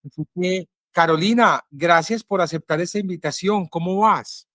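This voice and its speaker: A male journalist with a Colombian Spanish accent, introducing his guest and asking questions in a measured, earnest way with frequent pauses. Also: sits high, a bit bright, no room sound, clean studio sound. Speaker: journalist and interviewer.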